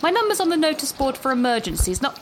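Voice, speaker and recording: A woman's voice: high-pitched, big pitch swings, quick pace, noisy background. An actress playing an anxious, chatty young British university student, out of breath and rambling as she leaves a voice message while walking outdoors. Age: young adult. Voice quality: rambling, self-interrupting, nervous. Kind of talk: audio drama voice note.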